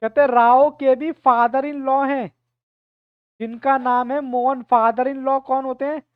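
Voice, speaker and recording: A man's voice: very high voice, flat delivery, slow pace, clean tone, no room sound. A male teacher giving an online reasoning class, explaining step by step and keeping at his students to answer. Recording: tinny phone-like dry sound.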